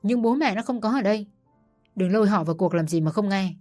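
A woman voicing a stern, quick-tempered older father-in-law who scolds his wife. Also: mid-range voice, a little mellow, soft background music, lightly acted. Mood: stern anger. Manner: gruff, scolding.

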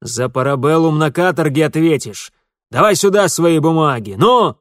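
A man voicing a gruff, threatening provincial police chief who barks orders. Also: fairly high pitch, animated, a little slow, warm tone, no echo, clean studio sound. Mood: barking. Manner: barking, threatening.

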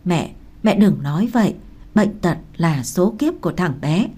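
A woman reading the lines of an exhausted young mother who speaks gently to her family, in an audiobook. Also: fairly low pitch, lively intonation, measured pace, breathy edge. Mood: gentle. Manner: gentle, tired.

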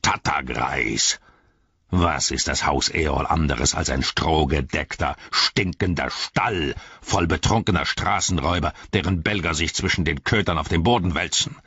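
A man's voice: very deep voice, unhurried, pushed and bright, slightly rough, no echo, highs cut off, heavily acted. An older-sounding man voicing a scheming old male wizard, honeyed one moment and sneering the next. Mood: venomous. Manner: honeyed, then sneering and venomous.

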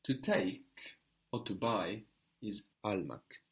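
A man teaching a language lesson, patiently explaining and drilling words slowly with a student. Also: on the low side.

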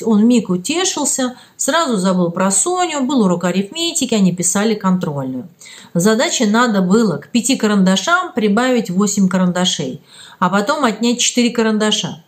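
Expressive woman reading a children's story. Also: mid-range voice. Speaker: audiobook narrator. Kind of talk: scripted narration of a children's story.

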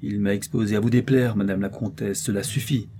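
A man voicing a scheming, smooth-talking doctor who feigns earnest candor, in an audiobook reading. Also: fairly low pitch, fairly even intonation, brisk, warm tone. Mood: falsely earnest. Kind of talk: audiobook character voice.

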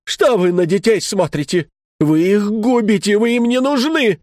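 A man voicing a desperate, furious wife who shouts at her husband in a story reading. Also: normal speed, no echo, clean studio sound, lightly acted. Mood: shrill furious. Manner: shrill shouting.

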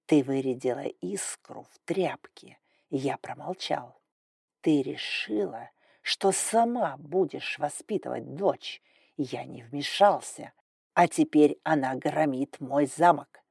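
A woman's voice: a bass voice, measured pace, mellow, husky, no echo, clean studio sound, voice pushed down, full character voice. A woman reading an audiobook, voicing a stern, domineering male dragon lord with an icy, growling manner. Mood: cold fury.

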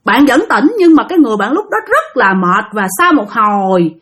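Southern Vietnamese woman, slightly high voice, chatty storyteller who keeps talking straight to her audience. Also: sing-song, brisk, a bit bright. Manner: chatty, repetitive, addresses listeners directly. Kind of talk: spoken ghost story telling.

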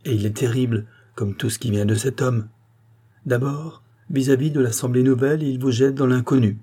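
An earnest, urgent statesman, read by a man lays out his warnings point by point. The voice is mellow and a little husky, pitched slightly up and pressing. It sounds like a classic novel read aloud as an audiobook. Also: fairly even intonation, moderate pace, lightly acted. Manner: urgent, explanatory pleading. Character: earnest male politician warning a queen.

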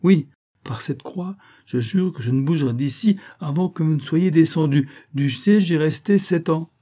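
Greedy trickster fox, coaxing and insistent, pitched up, as a male reader puts him on. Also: moderate pace, warm tone, lightly acted. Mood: pleading. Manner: coaxing, insistent, with veiled threats. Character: crafty greedy male fox, pleading and wheedling. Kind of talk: storybook reading.

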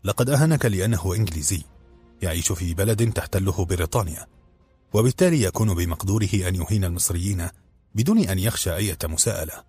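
A persuasive, earnest prince, as a male reader puts him on, speaking calmly with a very deep, husky voice. He sounds like a patient mentor who can turn gently reproachful. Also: fast, soft background music. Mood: friendly. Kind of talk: audiobook character voice.

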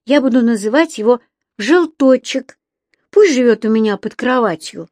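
A woman's voice: on the high side, expressive, normal speed, darkish tone, no room sound, studio quality, voice pushed up, lightly acted. A woman voicing a small frightened raccoon girl who cries and pleads. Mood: eager. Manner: tearful, pleading.

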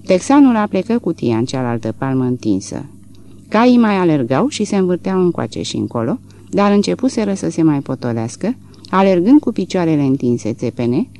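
Expressive audiobook narrator, man. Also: on the high side. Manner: expressive, rises and falls with the action. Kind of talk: scripted literary narration.

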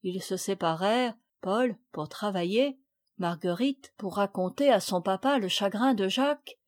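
A woman reading a children's novel aloud as audiobook narrator, telling the story gently and clearly. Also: medium pitch, a little slow. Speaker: audiobook reader.

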